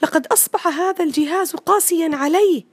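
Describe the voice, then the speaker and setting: A woman voicing a young boy who feels chained to his computer, speaking in a high, plaintive, complaining voice. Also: fairly quick.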